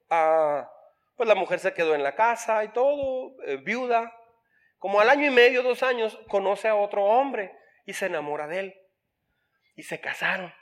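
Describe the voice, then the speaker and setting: A man preaching a sermon, telling a story lively and acting out what people say, with fillers. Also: sits high. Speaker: pastor.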